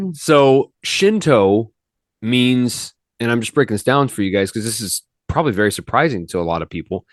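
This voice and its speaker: A man's voice: medium pitch, animated, moderate pace, no echo, clean studio sound. A man hosting a faith podcast in a loose, rambling, slangy manner, with many restarts. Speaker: podcast host. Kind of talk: casual podcast chat.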